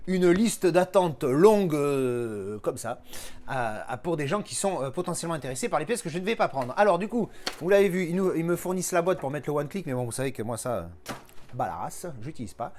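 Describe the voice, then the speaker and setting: Man, unboxing vlog, slightly high voice, very lively pitch, jokey, swears casually. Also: brisk, a little hiss or hum. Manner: talks while handling and opening packaging. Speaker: collector unboxing a film edition.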